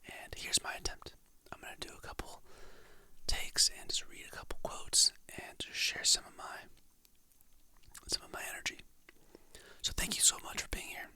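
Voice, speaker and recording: ASMR host who whispers throughout, crisp bright breathy tone, soft and encouraging. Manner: soft, relaxed, slow-paced, encouraging. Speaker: ASMR creator. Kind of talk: ASMR whispering, reading calming quotes.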